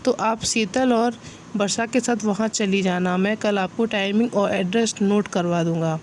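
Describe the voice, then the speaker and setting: A man's voice: sits high, fairly even intonation, moderate pace, a little hiss or hum. A woman voicing an affectionate young man who teases and reassures his fiancée in a storybook reading. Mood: tender. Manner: playful, reassuring.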